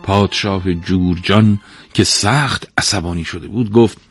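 Low husky male storyteller. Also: no echo, soft background music. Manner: expressive, dramatic storytelling. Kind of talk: scripted folktale narration.

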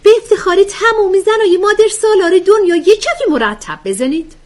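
A woman voicing a brash, playful young woman who speaks in a high, loud, teasing way. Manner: cheeky and exclamatory.

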